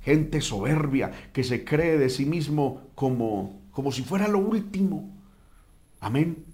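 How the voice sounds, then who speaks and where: Male preacher-teacher, slightly high voice, fervent, halting delivery full of "amen" and "brother". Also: animated. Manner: repeats "amén" and "hermano", stumbles and restarts often; emphatic on key words, drops low and soft on solemn points. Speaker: preacher teaching a Bible class. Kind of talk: sermon-style Bible teaching.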